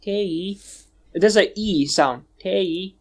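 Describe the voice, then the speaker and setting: Joking, swearing podcast co-host. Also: male voice, high-pitched, very slow. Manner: joking, bickering, swears freely. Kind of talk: casual chat.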